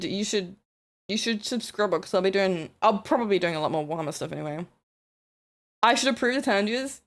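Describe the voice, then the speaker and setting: Building models on a live stream, a woman with a New Zealand accent chats and rambles casually, poking fun at herself and swearing occasionally. Her voice is medium in pitch.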